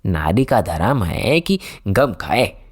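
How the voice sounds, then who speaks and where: A man voicing a moralizing village elder in an audiobook, lecturing slowly. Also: on the low side, very animated, breathy edge, dry recording, clean studio sound, pitched below the performer's own voice, exaggerated voice.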